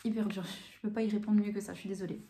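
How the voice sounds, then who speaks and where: A woman hosting her coloring channel, chatting casually in answer to viewer questions at home, calm and hesitant with many fillers and restarts. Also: medium pitch, rapid-fire. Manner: calm, even delivery. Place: home room with bookshelves. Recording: roomy echo.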